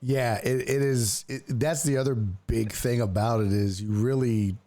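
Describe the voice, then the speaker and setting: A man's voice: steady tone, unhurried, dark tone. A man hosting a sports talk show, chatting casually and joking playfully with his guest. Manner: joking, playful, swings into high disbelieving tones. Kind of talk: casual interview chat.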